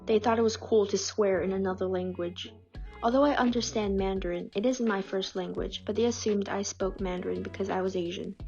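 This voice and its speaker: In a calm, measured voice of middle pitch, a woman narrates stories that listeners have submitted, reading from a script. The recording sounds dull and lo-fi, with faint music beneath her.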